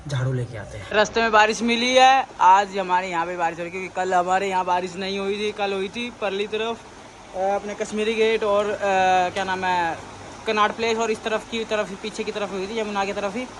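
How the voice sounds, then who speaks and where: Young man, casual vlog chat, fairly high voice, noisy phone recording. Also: a little fast, a bit bright. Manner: chatty, talks straight to camera and teases the dog. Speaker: vlogger.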